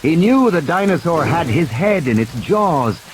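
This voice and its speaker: Reading a novel in dramatic, scripted fashion, this male audiobook narrator builds suspense theatrically while sound effects play behind him. His voice is a little high and sing-song, his pace a little slow, and the background is noisy.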